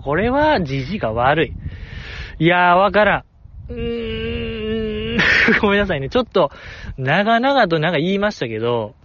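Kansai man, podcast host, chatty and self-correcting, animated pitch, dull lo-fi sound. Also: a little hiss or hum. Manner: rambling, self-correcting, often apologizing. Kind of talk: casual solo podcast talk.

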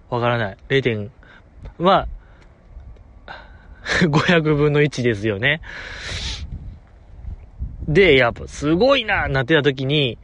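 A man's voice: a little high, a bit bright. A man with a Kansai accent hosting a solo talk show, chatting with enthusiastic, chuckling fan banter. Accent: Kansai Japanese. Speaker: podcast host.

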